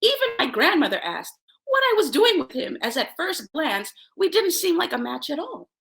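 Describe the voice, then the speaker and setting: On her self-help program, this Jamaican host shares personal stories and motivation, speaking expressively and emphatically and repeating key words to drive them home. Her voice is high-pitched and creaky, at a moderate pace.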